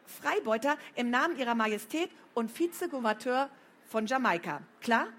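A woman reading a storybook, voicing a cheeky, quick-tempered schoolgirl from a pirate family who talks brisk and defiant. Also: on the high side, animated, fairly bright tone, voice pushed up.

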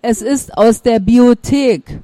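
A woman's voice: a little high, slow pace, mellow, no echo. A woman voicing a small, shy, polite kitten who pleads timidly in a storybook reading. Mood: explaining.

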